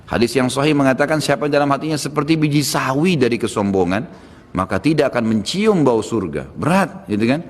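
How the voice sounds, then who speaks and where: A man's voice: expressive, a little fast. Emphatic man preaching in an echoing hall. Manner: emphatic, swinging from loud warnings to low solemn tones. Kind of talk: sermon. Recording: reverberant hall with faint background noise.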